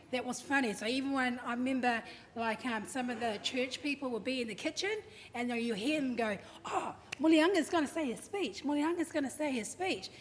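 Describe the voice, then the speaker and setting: A high-pitched woman gives a eulogy at a family service. She tells stories in a chatty, humorous way and acts out the quotes. Her voice rings through a big echoey hall with faint noise behind it. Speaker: daughter giving a eulogy. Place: large hall at a memorial service.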